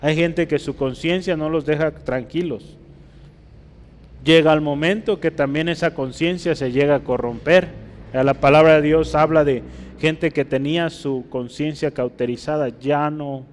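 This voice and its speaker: A man's voice: a little high, big-room sound. A man preaching an expository sermon in a church, explaining scripture and Greek words while turning to his listeners with frequent rhetorical questions. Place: church hall.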